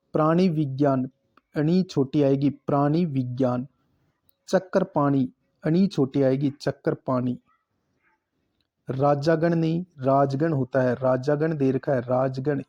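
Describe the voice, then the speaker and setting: A man teaching a spelling lesson for exam prep, slowly repeating each word and marking it correct. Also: mid-range voice, warm tone.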